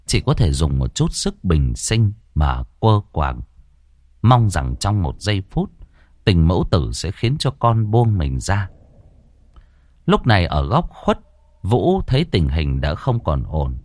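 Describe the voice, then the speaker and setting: Nam kể truyện ma, giọng trầm, lên xuống sinh động. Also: male voice, low-pitched, unhurried, dry recording. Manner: dramatic, lively storytelling. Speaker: storyteller. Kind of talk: scripted horror narration.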